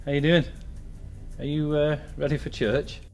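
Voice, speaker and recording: A man's voice: a little high, little pitch movement, normal speed, faint music behind. A man who leads a church, playing himself in a comedy skit, talking casually with mild exasperation. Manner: casual, mildly exasperated, calls everyone mate. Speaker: senior church leader.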